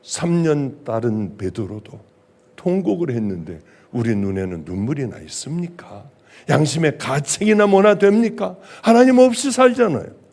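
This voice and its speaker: A middle-aged male pastor preaching a sermon, emphatic, swinging from loud exclamations to hushed, quiet lines. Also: on the high side, lively intonation, moderate pace.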